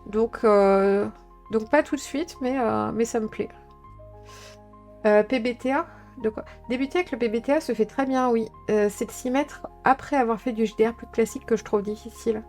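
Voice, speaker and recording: Streamer, woman, higher pitch, rambling filler-heavy chat, soft music behind. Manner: chatty, thinking aloud with many fillers. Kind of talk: casual live-stream chat about tabletop games.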